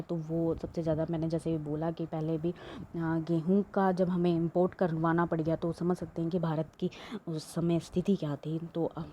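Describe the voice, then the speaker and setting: Low, flat-voiced woman teaching. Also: slight background noise. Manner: explains in a talky way with many fillers and restarts. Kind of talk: exam-prep lesson reading questions aloud.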